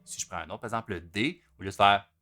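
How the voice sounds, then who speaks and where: A man with a Québécois accent gives a drum lesson in a practice room. His fairly low voice keeps an easy, step-by-step pace as he shows each pattern. Loud drumming from his kit fills the gaps between his phrases. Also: fast talker, loud music behind the voice. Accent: Québécois French. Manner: relaxed, step-by-step explaining while demonstrating. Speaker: drum teacher. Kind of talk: explanatory music lesson. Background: loud drum kit playing between phrases.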